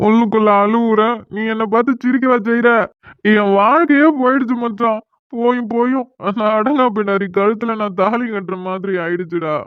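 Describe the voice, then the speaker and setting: A woman's voice: a little high, fairly even intonation, normal speed, clean tone, dry recording, close to an everyday voice. Woman voicing a whiny young man. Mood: upset. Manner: complaining, self-pitying, pleading. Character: young man, newly and unwillingly married, whiny. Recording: dry, tinny phone-like audio.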